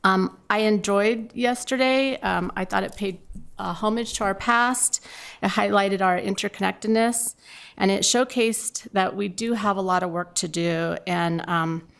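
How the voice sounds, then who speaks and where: A middle-aged woman from a municipal water provider speaks informally on a conference panel, addressing the audience directly and conversationally. Her medium-pitched voice is gravelly yet smooth, fairly bright in tone, and paced a little slowly.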